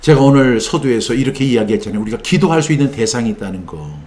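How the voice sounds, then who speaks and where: A man's voice: medium pitch, expressive, fast talker, a little mellow. A middle-aged man preaching a sermon as pastor, speaking animatedly and acting out the voices he quotes.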